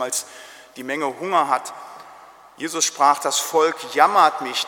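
A male preacher giving a solemn sermon in a church, slowing down on key phrases. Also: mid-range voice, bright, forceful tone. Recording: long church reverb.

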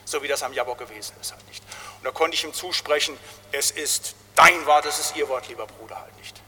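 A man's voice: fairly high pitch, brisk, pushed and bright, slight background noise. A pastor preaching a sermon to his congregation, often tagging lines with a questioning aside and building to emphatic calls. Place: large church. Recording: long church reverb.

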